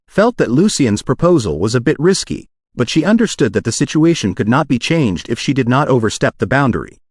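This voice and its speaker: Lively, dry synthetic male narrator. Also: mid-range voice, dry recording. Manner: synthetic audiobook reading, reads punctuation aloud. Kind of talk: scripted narration.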